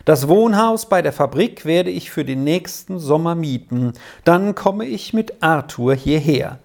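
A reader playing a decisive middle-aged professor who speaks briskly and cheerfully. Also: medium pitch, expressive, gravelly, darkish tone. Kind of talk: audiobook character voice.

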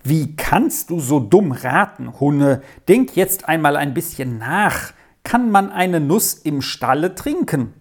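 A reader voicing an eager young boy who sets riddles, lively and exclaiming, pitched higher than the narration. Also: slow, vocal fry, heavily acted. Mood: scolding.

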